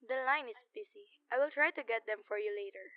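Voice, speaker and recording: A woman's voice: on the high side, fairly quick, no echo. Tinny, unruffled woman acting a telephone operator. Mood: polite, detached. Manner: polite, formulaic, impassive. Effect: telephone filter. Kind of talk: 1940s radio play acting. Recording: tinny telephone-line effect.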